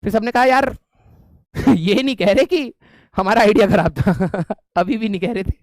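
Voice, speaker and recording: High-voiced man telling a class story. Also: moderate pace, no room sound, studio quality. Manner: animated, laughing, frequent filler checks. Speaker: teacher.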